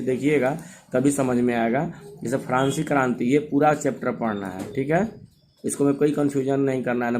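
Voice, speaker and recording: A male teacher explains a school syllabus point by point in a plain, steady middle-pitched voice. He keeps asking whether students understand, and faint noise hums under the recording. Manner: repeats "thik hai" and checks students understand. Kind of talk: syllabus walkthrough lesson.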